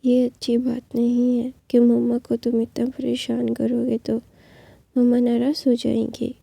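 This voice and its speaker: A woman voicing a tender young man soothing his baby, in a husky whispered role-play. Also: a little high, monotone, measured pace, dark tone, no echo, full character voice.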